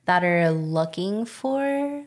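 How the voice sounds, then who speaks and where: A woman co-hosting a casual podcast chat, animated and quick to chime in with short reactions. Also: fairly low pitch. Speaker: podcast co-host.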